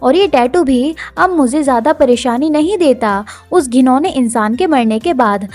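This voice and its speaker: A woman's voice: high voice, animated, moderate pace, a little mellow, soft background music. A woman voicing a clingy, doting young nobleman in a manhwa recap, pleading and affectionate.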